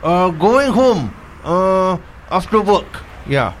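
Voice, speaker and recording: A man acts out an evasive drunk Singaporean driver in a comedy sketch. He mumbles through a closed mouth in a high-pitched voice, with faint noise behind him. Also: slow, a bit bright, exaggerated voice. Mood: nervous, evasive. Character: evasive drunk male driver bluffing a policeman. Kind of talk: comedy podcast sketch acting.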